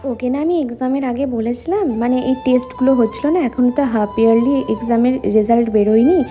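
Brief: high-pitched woman, casual home vlogger, talks to viewers, soft music underneath. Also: a little fast. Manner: chatty, addresses viewers directly. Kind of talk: casual home vlog chat. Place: at home, indoors.

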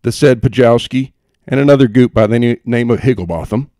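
A man's voice: medium pitch, a little fast, dark tone, no room sound, clean studio sound. A man reading a humorous first-person story aloud, with a wry, theatrical delivery. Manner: wry, theatrical delivery with playful voices for quotes. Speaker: audiobook narrator.

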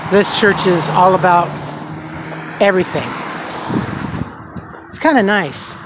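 Walking down a residential street with a handheld camera, a man with a high voice gives a slow, casual tour of his neighborhood, rambling and using fillers along the way. Traffic passes by, and outdoor street noise fills the background.

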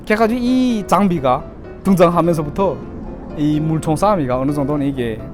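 Higher-voiced Yanbian Korean man, Chinese-Korean accent. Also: expressive, brisk, soft background music. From Yanbian, China. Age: 30s. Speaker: YouTuber telling childhood memories. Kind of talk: casual storytelling to camera.

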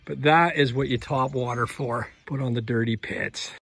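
A man's voice: medium pitch, steady tone, normal speed, gravelly, a bit bright, slightly rough. Easygoing young man behind the camera. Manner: easygoing, coaching and commenting. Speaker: fishing companion filming. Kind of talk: casual outdoor fishing chat. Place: small boat on a calm lake outdoors. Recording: faint outdoor noise.

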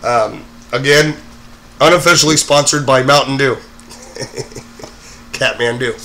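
A hoarse man getting over a cold, hosting a live makeup tutorial in a rambling way with lots of fillers. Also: medium pitch, a little slow, pushed and bright. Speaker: host of a live makeup show. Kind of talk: casual live-stream tutorial.

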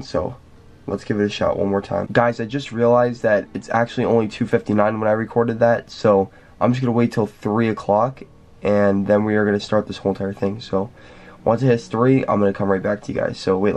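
A young man talking casually to his viewers in a vlog at home at night, excitable and slangy, sometimes dropping to a whisper. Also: fairly low pitch. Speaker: vlogger.

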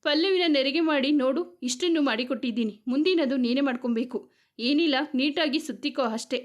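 A brooding young husband from a storybook, clipped and quick to snap, told in a high-pitched voice as a woman reads him. His words come short and curt, with no warmth spared. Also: close to an everyday voice. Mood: brusque. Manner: curt, snapping.

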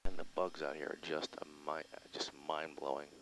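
Male pilot, very low voice, terse checklist commentary and radio calls. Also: steady tone, moderate pace, a bit bright, slight background noise, low-quality recording. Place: small propeller plane cockpit.

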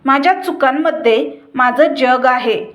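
A woman telling a family story in a gentle, measured narration. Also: sits high.

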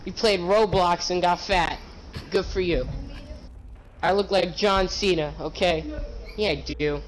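Loud and goofy, a young man jokes and teases his way through a gaming session, his voice sitting a touch high. A faint hum of room noise sits under his casual banter. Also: measured pace, rough recording. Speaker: gamer playing with his sibling.

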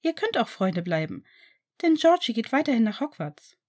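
A woman reading a storybook, voicing a cheerful foster mother in a raised, lively voice. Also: a little high, normal speed, slightly rough.

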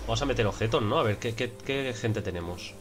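A young man with a Spain Spanish accent giving casual gameplay commentary, excitable and prone to swearing and shouting in frustration. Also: on the low side, fairly quick, a little hiss or hum. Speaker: gameplay streamer.

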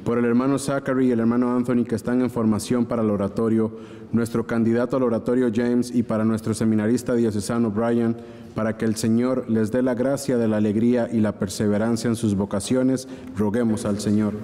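Man reading prayers in cathedral echo. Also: medium pitch. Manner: steady, measured liturgical reading. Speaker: lector. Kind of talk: reading intercessions at mass. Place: large church. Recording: long echoing church reverb.

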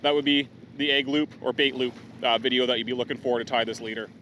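A man's voice: medium pitch, flat delivery, fast, bright, forceful tone, slight background noise. A middle-aged man, giving a practical outdoor how-to on a riverbank, with plain explaining and some fillers. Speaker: fishing guide demonstrating gear.

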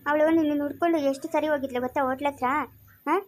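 A young woman playing a blunt, practical student friend who talks in a brisk, scolding way in a family skit. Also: sits high, steady tone, darkish tone, natural voice. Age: young adult. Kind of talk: amateur family skit acting.

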